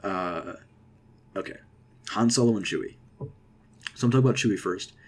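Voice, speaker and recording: A young man casually rambling through an excited movie reaction, with lots of fillers and restarts. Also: fairly low pitch, normal speed, slightly rough. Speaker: vlogger.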